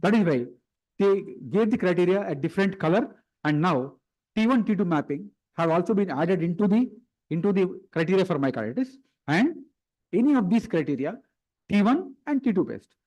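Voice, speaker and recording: A man's voice: high voice, lively intonation, fairly quick, darkish tone, rough recording. A man giving a conference lecture at a medical symposium, explaining step by step, repeating key phrases and often restarting.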